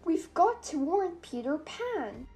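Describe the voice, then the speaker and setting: A woman's voice: high voice, big pitch swings, slow pace, mellow, full character voice. A woman voicing a kindly, loyal male pirate sidekick who speaks earnestly and urgently.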